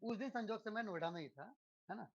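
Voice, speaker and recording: A male teacher gives a relaxed physics lesson to students. He keeps checking in with tag questions and leans on rhetorical questions and everyday examples to make his points. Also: high-pitched, fast, highs cut off. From India. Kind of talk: lecture to students.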